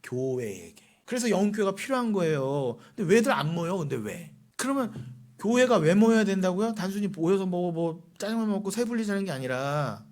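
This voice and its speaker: A middle-aged male pastor preaching a sermon, scolding the congregation and firing rhetorical questions at them. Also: sits high.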